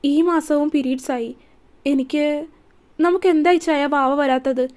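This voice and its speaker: A tearful young wife from a storybook romance, voiced by a woman reading the story. She stammers and repeats herself between sobs. The voice is high and light. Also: fairly even intonation, darkish tone. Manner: halting, stammering, sobbing.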